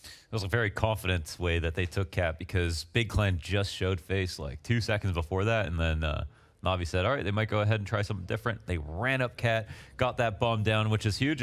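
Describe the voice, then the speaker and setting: A man giving esports color analysis, explaining plays in detail and teasing his co-caster. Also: low-pitched. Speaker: color commentator.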